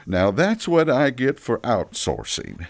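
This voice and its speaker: A man playing Santa as an earnest, flustered older father who speaks haltingly in a children's audio story. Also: medium pitch, very animated, gravelly, dry recording, full character voice. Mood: exasperated. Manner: halting, emotional, deliberate pauses.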